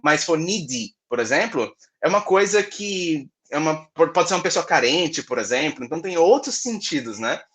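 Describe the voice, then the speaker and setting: A man's voice: fairly high pitch, expressive, normal speed, few pauses, a bit bright. A man from Brazil giving a workshop lecture on English pronunciation, explaining patiently and repeating example words with frequent check-in tags.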